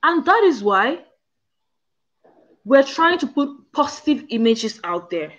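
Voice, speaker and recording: Over a muffled video call on a front camera, a young African woman co-hosts a casual discussion from her home, earnestly explaining things with examples. Her voice sits high and bright, very animated yet slow-paced.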